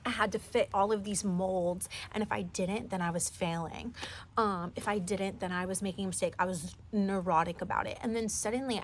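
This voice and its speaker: A woman's voice: mid-range voice, a little hiss or hum. A woman in her twenties hosting her own podcast, giving a rambling, earnest motivational talk full of "like" and "you know". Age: 20s. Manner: earnest, rambling, heavy use of "like". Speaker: podcast host. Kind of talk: casual motivational monologue.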